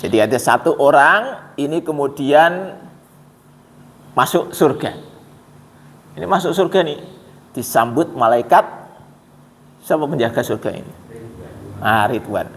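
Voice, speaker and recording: Javanese-accented preacher in an echoey mosque. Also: male voice, a little high, animated, a little slow, long pauses, a bit bright, slight background noise. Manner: conversational, folksy, addresses listeners directly. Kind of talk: storytelling sermon.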